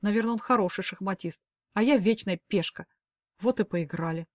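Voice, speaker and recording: A woman's voice: mid-range voice, brisk, no echo. Audiobook narrator: woman, first-person, dramatic and emotive, dry close sound.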